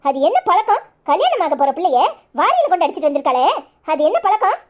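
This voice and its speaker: A quarrelsome young village wife, played by a woman, in a cartoon, scolding and sarcastic with a Kanyakumari Tamil accent. Her voice sits high and leaps up and down as she nags. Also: big pitch swings, quick pace. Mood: angry. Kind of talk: cartoon voice acting.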